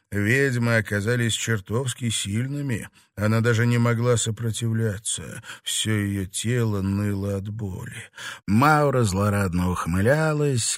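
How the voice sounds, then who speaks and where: A man narrating an audiobook in a steady, measured storytelling manner. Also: lowish voice, no echo, studio quality. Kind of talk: scripted narration.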